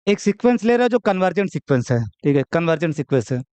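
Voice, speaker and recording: Young guy teaching maths, high clear voice, teases the class a lot, dry sound. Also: very animated, very fast, a little mellow, no echo. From India. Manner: chatty, teasing, keeps saying "okay". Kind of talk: classroom lecture.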